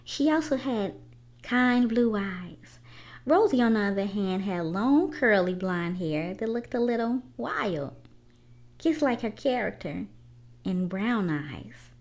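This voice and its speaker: This is a mid-range female voice giving a children's book an animated storytelling reading. She pauses on purpose between each phrase.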